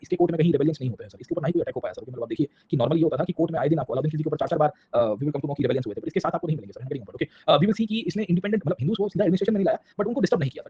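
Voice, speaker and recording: A man's voice: fairly high pitch, warm tone, breathy edge, highs cut off. A man teaching a recorded history lecture who mixes in English phrases and keeps asking his students whether they follow, with asides about exam preparation.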